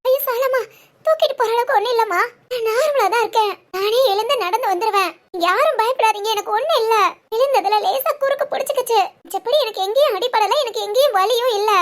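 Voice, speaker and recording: A woman's voice: extremely high pitch, quick pace. A woman voicing all the characters of a village family drama, fussing and crying out in alarm. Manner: emotional, fussing, with cries of alarm.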